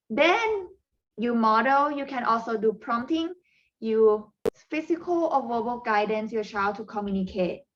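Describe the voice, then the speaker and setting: Her voice a little high, a Thai woman whose first language is Thai walks a webinar audience through parent coaching strategies. Frequent pauses, fillers and non-native phrasing mark her speech, and the audio has its highs cut off.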